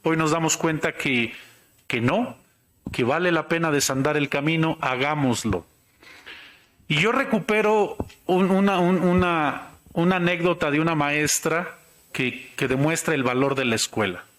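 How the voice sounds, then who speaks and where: A man giving an academic conference talk, measured and explanatory. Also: a little high, fairly bright tone. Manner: measured, explanatory, tells anecdotes. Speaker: lecturer.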